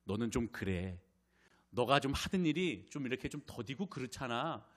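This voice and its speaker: A man's voice: medium pitch, expressive, moderate pace, a bit bright. A man doing a blunt, lecturing boyfriend. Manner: condescending, matter-of-fact advice.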